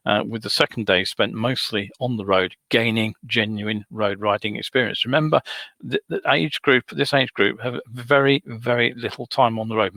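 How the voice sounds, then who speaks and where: A man speaks alone into a desk microphone, hosting a live webcast. His voice is bright and forceful, recorded dry and close. He talks in a measured, advisory way, pausing on ums and uhs. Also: on the low side, dry recording. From United Kingdom. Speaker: host of a motorcycle safety webcast. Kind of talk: solo live webcast talk.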